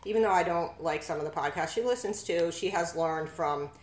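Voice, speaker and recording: A woman's voice: fairly low pitch, brisk. A woman hosting a podcast, talking casually and explaining things on behalf of her daughter. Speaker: podcast host and mother. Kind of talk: casual interview chat. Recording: echoey room.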